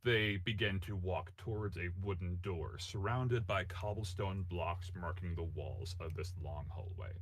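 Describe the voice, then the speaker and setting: A man narrating a tabletop game as game master, halting and correcting himself at times. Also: low voice, a little hiss or hum.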